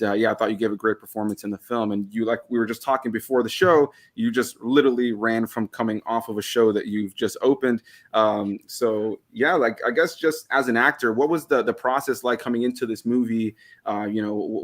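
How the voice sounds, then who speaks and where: Male host, fast pace, mid pitch, enthusiastic, casual interview. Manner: enthusiastic, complimentary.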